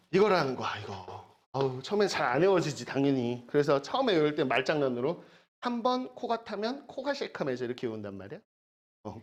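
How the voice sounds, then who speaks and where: In a recorded lecture, a lively math teacher with a widely swinging pitch walks through formulas. His delivery is talkative and repetitive, leaning on key words, playful asides, and frequent checks like "got it?" to see if learners follow.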